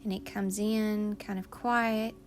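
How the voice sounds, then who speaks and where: With faint music in the background, a woman of medium pitch guides listeners through meditation in a level tone. She moves slowly and soothingly, letting long silences fall between phrases.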